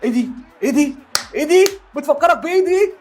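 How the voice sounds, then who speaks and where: Egyptian man, football reaction host, very high animated voice, quick talker, music underneath. Keep it excitable and repetitive. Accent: Egyptian Arabic. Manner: animated, exclaiming, repeats words.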